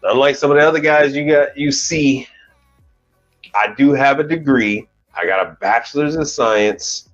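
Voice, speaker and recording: An American commercial appliance repair technician in his forties hosts a channel and rambles through a casual live chat at normal speed, restarting often and cursing mildly. His voice is at an easy, ordinary pitch and a bit bright. The audio is dull and lo-fi, with faint music underneath.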